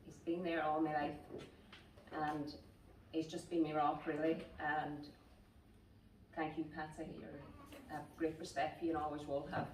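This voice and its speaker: A middle-aged woman, a masters runner, giving a halting, choked-up thank-you speech at a club reception. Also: deep voice, level tone, darkish tone. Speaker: award-winning masters runner. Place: function room at a club reception. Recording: echoey room, distant mic, faint noise.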